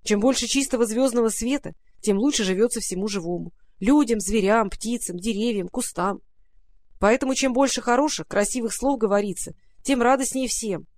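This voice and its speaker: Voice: mid-range voice, moderate pace, a little mellow, lightly acted. A reader doing old Notya, a fussy sighing raccoon. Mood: earnest. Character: old grumbling sentimental male raccoon. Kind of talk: storybook reading.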